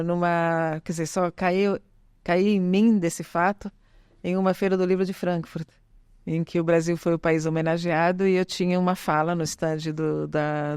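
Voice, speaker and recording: Speaking on the low side in a darkish, clean tone, this Italian woman of middle age comes across in clean studio sound without any echo. She's a podcast guest in a relaxed interview, drifting off track, fixing her words, and peppering in "né?".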